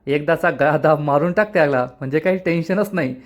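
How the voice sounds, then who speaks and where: A man's voice: a little high, fairly quick, close to an everyday voice. A man voicing a rowdy, drunk village patriarch who barks orders in a raised, scornful voice. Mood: bossy, scornful.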